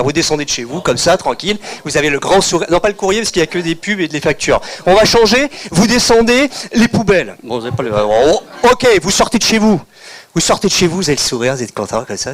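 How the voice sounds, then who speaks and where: A man giving a motivational talk to a live audience, calling out to the crowd, asking them questions and slipping into sing-song bursts. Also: on the high side. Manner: conversational, asks the audience questions. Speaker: guest speaker and actor. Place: live event before an audience in Paris.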